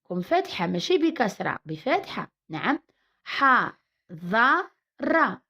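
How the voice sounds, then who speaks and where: Slow, husky woman teacher with a Moroccan accent. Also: on the high side, very animated, bright, forceful tone. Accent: Moroccan Arabic. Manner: slow, drawn-out syllable-by-syllable reading; switches between Arabic and Spanish explanations. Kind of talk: reading lesson, sounding out letters and words. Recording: dull lo-fi recording.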